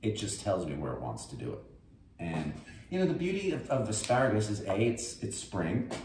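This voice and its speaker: A man's voice: on the low side, wildly swooping pitch, normal speed, darkish tone, a little hiss or hum. Chatty New man in echoey kitchen. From New York. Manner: chatty, rambling, health-focused asides. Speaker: host. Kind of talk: casual cooking demonstration. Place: home kitchen, indoors.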